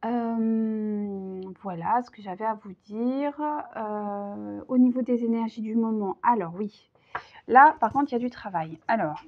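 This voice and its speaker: Doing a tarot reading on video, a woman speaks at a measured pace in a voice on the high side. She chats hesitantly with lots of fillers and easy laughter, and the audio is dull and lo-fi.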